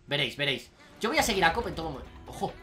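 A young man with a Spain Spanish accent doing excitable let's-play commentary as a gaming YouTuber, often breaking into shouted exclamations. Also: fairly high pitch, very fast, soft background music.

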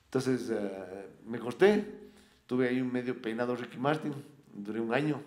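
Middle-aged man, animated slangy storyteller, mid-pitched, in a roomy space. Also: normal speed. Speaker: podcast guest, psychologist and broadcaster. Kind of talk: casual conversation. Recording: roomy echo.

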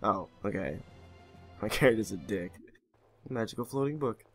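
A man's voice: lowish voice, animated, moderate pace, gravelly, faint music behind. A man giving comedic commentary while playing a game, sarcastic and profane.

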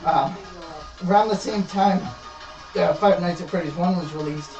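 A man's voice: high-pitched, normal speed, a little mellow, recorded from a distance, lo-fi sound, faint music behind. A young man hosting a challenge video, casually explaining things in a bathroom, a little away from the camera. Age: young adult. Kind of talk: casual explanatory vlog chat. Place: small tiled bathroom. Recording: echoey bathroom, away from mic.

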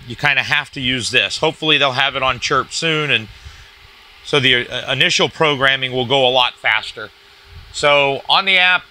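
A man giving a casual, hands-on product review in a halting, informal walk-through style. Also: medium pitch, pushed and bright, rough recording. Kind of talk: casual hands-on gadget demonstration. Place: indoors at a cluttered wooden desk.

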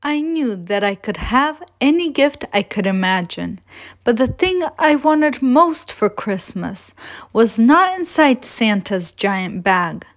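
Slow, gentle woman reading a picture book. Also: on the high side, very animated. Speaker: children's storyteller.

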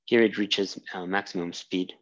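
A man's voice: deep voice, fairly even intonation, moderate pace, a bit bright, highs cut off. A man teaching physics at a whiteboard, thinking aloud with fillers and restarts as he draws. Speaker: physics instructor. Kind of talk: whiteboard lecture. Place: small room at a whiteboard.

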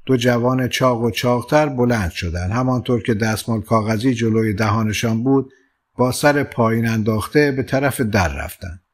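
Male narrator, mid-pitched, calm and measured literary audiobook reading. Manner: calm, measured storytelling with lightly voiced quoted lines. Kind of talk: scripted narration.

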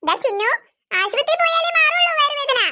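A woman voicing a fussy adult teacher in a cartoon, coaxing and gently scolding the children. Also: extremely high pitch, lively intonation, moderate pace, noisy background. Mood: firm. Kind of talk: cartoon voice acting.

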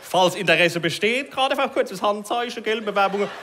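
A man's voice: high voice, brisk, sharp tone, a little hiss or hum. A male stand-up comedian with a Palatinate accent, chatting on stage and tagging sentences with gell. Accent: Palatinate German. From Palatinate, Germany. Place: live stage before an audience.

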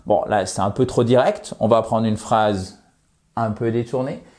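A man giving a playful video lesson on English vocabulary, saying English example sentences slowly and clearly. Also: lowish voice. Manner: lively, playful, shifts between French and slow English examples. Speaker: English teacher.

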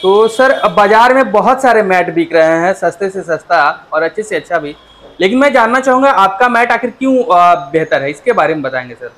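A man's voice: high-pitched, animated, brisk, fairly bright tone. A man interviewing a dealer, deferential, calling him "sir" and putting questions for farmers. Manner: deferential, frequent "ji" acknowledgments, says "sir" often.

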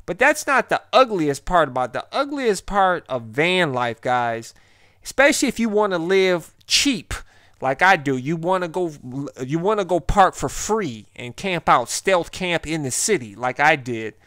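A man's voice: a little high, big pitch swings, a little slow, bright, forceful tone, no room sound, clean studio sound. An American man vlogging casually and bluntly, talking straight to viewers in informal language. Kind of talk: casual vlog monologue.

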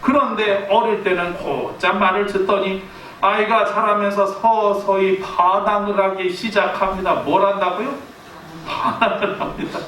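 Korean pastor guy preaching, high bright voice, lively, quizzes the room, echoey church from a distance. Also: unhurried. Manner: animated, acts out family quotes, asks the congregation questions. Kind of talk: sermon. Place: church sanctuary. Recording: echoey church hall, distant mic, faint background hiss.

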